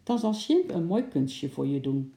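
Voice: medium pitch, sing-song, a little slow, dark tone. A narrator voicing a helpful young girl who coaxes and calls out, in a children's audiobook. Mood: coaxing. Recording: roomy echo.

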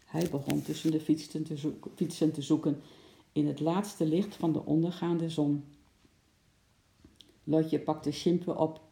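A narrator reading a chapter of a children's book in a lively storytelling manner. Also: medium pitch, a little slow, creaky, long pauses. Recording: roomy echo.

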